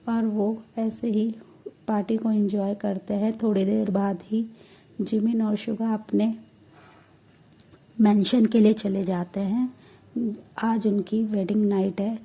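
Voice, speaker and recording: A woman narrating a romance story in a steady, even storytelling manner. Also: medium pitch, gravelly, breathy edge, low-quality recording. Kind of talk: retelling a fan-fiction story.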